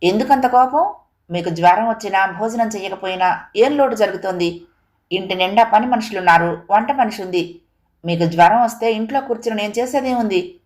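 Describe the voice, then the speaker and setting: A woman's voice: medium pitch, moderate pace, lightly acted. A woman voicing a proud, defiant young wife who answers back sharply. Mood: angry. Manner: sharp, scornful retorts.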